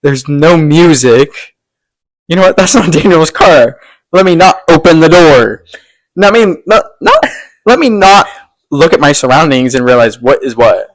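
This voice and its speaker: A man's voice: a little high, animated, moderate pace, no echo, rough recording. A young adult man co-hosting a podcast, teasing his co-host and cutting in to correct her story. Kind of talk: casual chat.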